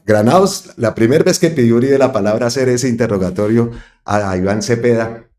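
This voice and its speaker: A man hosting his own political commentary channel, talking emphatically and repeating phrases for stress. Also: mid-range voice. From Colombia. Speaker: host of an online political channel.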